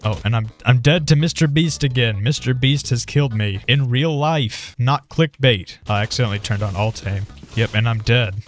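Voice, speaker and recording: A man giving casual gameplay commentary, his voice strained as he is losing it, rambling and reacting loudly to surprises. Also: mid-range voice, normal speed, hardly any pauses, soft background music. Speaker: gaming video creator.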